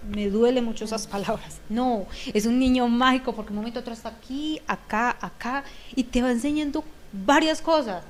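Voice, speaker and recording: A woman's voice: fairly high pitch, moderate pace, few pauses. Earnest Colombian woman, acts out quotes. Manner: earnest, acts out parents' and children's lines. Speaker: guest speaker on parenting. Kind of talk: talk-show discussion.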